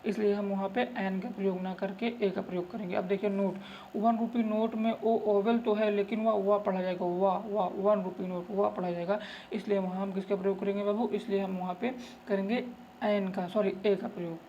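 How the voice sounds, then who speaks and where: Teaching English grammar, a man whose voice sits high speaks at normal speed in a level tone, going over points repeatedly and encouraging students with "look," "okay," and the fond nickname "babu." The recording is lo-fi with slight background noise.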